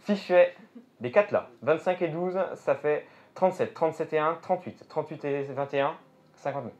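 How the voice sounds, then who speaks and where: A man's voice: on the high side, moderate pace, a little mellow. A man performing live magic show patter, thinking aloud and addressing the audience. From France. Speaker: stage magician. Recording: dull lo-fi show recording with music. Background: music.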